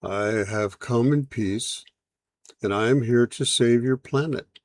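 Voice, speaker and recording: A man voicing a patient male alien envoy who speaks in a measured, formal way. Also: medium pitch. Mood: calm, solemn. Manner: measured, formal, unhurried speech.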